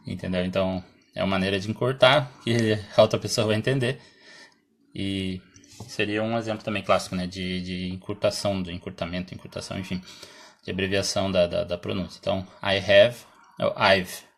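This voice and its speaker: A Brazilian man teaching English in a live stream, explaining slowly, reading example sentences aloud, clearing his throat often and answering viewers' questions. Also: deep voice, fairly even intonation, a bit bright. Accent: Brazilian Portuguese. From Santa Catarina, Brazil.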